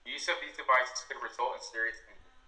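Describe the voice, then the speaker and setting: A man reading a formal police dispersal order in a flat official way, heard through a blaring outdoor loudspeaker from a sound cannon. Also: medium pitch, fast. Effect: blaring outdoor loudspeaker announcement, sound cannon. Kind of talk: formal scripted warning. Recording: distant echoey loudspeaker played from a clip.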